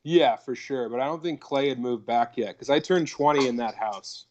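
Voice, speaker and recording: Background noise accompanies a medium-pitched man speaking at a moderate pace. He's a guest comedian in his thirties from Colorado on a video call, having a casual podcast chat full of rambling, profanity, and the words "like" and "dude."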